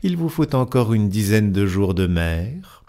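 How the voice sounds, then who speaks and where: A man reading aloud as a calculating police inspector who draws words out slowly and deliberately. His voice is low and mellow, close to the reader's own, always probing. An audiobook character voice. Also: big pitch swings. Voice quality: measured, deliberate, questioning.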